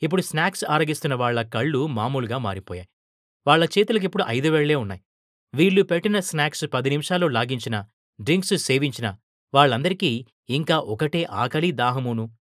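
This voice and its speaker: A man narrating a story in a steady, expressive reading voice. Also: medium pitch, fairly quick, dry recording, clean studio sound. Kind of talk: scripted narration.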